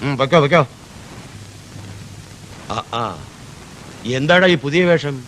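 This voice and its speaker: An actor playing a mocking, leering older police constable who taunts with questions. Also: male voice, on the high side, slow, fairly bright tone, slight background noise, low-quality recording. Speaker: police officer.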